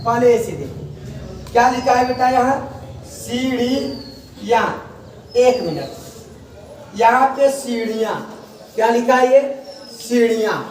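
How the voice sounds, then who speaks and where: A man teaching a spelling lesson, slowly drawing out each word and asking his students to repeat it. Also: very high-pitched, a little mellow. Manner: slow, drawn-out repetition of words, often asks students back. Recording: echoey room from far off, faint noise.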